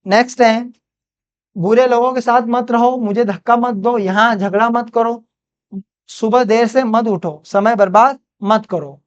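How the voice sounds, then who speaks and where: Slow, clear-voiced Indian woman teaching English. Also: on the high side, steady tone. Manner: slow, repetitive drilling with questions to students. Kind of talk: spoken English lesson. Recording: dull lo-fi sound.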